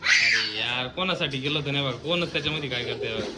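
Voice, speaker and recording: In a very noisy recording made indoors at home, a fast-talking man with a medium-pitched, raised voice films a family vlog. He narrates casually to viewers while half-laughingly scolding his children.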